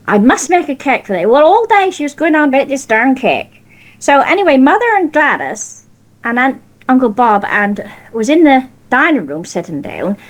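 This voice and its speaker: An older woman with a broad West Country accent from Cornwall, telling informal anecdotes and acting out the conversations in dialect. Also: high voice. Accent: Cornish West Country. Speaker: storyteller of personal anecdotes.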